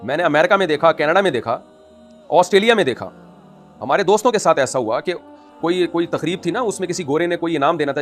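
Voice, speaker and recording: A man as an Islamic scholar answering audience questions in an emphatic, scolding way that rises into forceful outbursts. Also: fairly high pitch. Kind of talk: religious question-and-answer talk.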